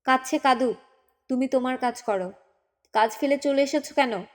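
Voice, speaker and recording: A woman's voice: on the high side, normal speed, lightly acted. A woman voicing a grieving, irritable mother who snaps curtly at everyone in an audiobook. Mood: bitter, curt. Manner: curt and bitter. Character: grieving, irritable young mother, sharp-tongued.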